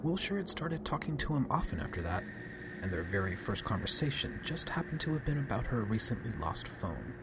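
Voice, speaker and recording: A man reading a story aloud in an expressive, scripted narration style. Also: medium pitch, a little fast, background noise. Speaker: audiobook narrator.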